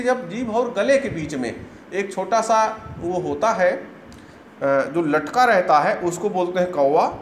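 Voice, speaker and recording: A man giving a grammar lesson, explaining a diagram slowly and patiently, repeating each term one at a time. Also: high voice. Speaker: teacher. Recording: echoey room with faint hiss.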